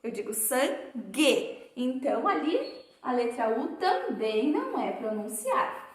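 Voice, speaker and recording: A woman teaching a primary school class, slowly sounding out words and calling her pupils dear. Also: high voice, very animated, roomy sound. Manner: slow, drawn-out sounding of words for children; affectionate, calls pupils dear. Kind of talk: remote class lesson.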